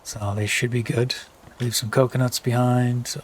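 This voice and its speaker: Let's play host, man, mid-pitched and a bit tired, thinking aloud over faint ambient noise. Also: flat delivery, normal speed. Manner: rambling, thinking aloud with many fillers. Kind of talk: casual gameplay commentary.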